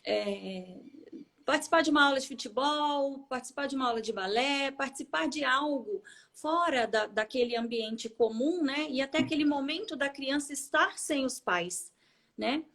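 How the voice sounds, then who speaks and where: A woman's voice: sits high, moderate pace, fairly bright tone. A woman with a Brazilian Portuguese accent, co-hosting a casual chat and explaining parenting tips, often adding tag questions. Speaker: co-host giving parenting tips.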